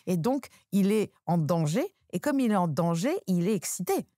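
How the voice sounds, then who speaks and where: Female podcast host, low warm voice, calm and explanatory, dry sound. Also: dry recording. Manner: calm, explanatory, slows down to stress points. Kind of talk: reflective conversational interview.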